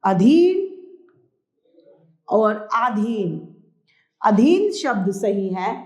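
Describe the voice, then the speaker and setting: A woman teaches a children's lesson at an unhurried pace, and her voice climbs and drops widely as she stresses each key word. The recording is made in an echoey room. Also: medium pitch, big pitch swings, darkish tone. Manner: slow, emphatic, stresses key words.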